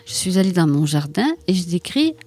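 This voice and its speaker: A woman's voice: fairly low pitch, sing-song, brisk, warm tone, soft background music. An older woman, a writer being interviewed, talking in a hesitant way with many fillers and restarts. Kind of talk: radio interview conversation.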